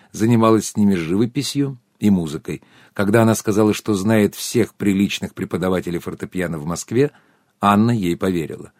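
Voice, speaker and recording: A man narrating an audiobook in an even, measured reading. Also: fairly low pitch, no echo, clean studio sound. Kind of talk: scripted narration.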